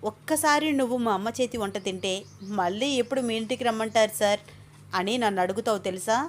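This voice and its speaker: A woman voicing a playful young man who talks in a casual, teasing way without lowering her voice. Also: brisk, slight background noise, natural voice.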